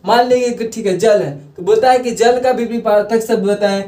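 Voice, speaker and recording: With a high, dark-toned voice and a brisk pace, a man teaches grammar in a rambling classroom way, often starting sentences over. He repeats phrases and keeps correcting himself, and the recording is echoey with his voice distant from the mic.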